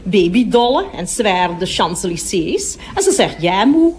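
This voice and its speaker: A woman's voice: mid-range voice, sing-song, unhurried, a little mellow, a little hiss or hum. An actress playing a gossipy middle-aged woman toilet attendant in a radio comedy monologue, chattering on and breaking off to speak to customers.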